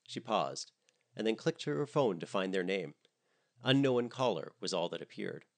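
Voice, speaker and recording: Wry, expressive man narrating a story. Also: sits low, normal speed, creaky.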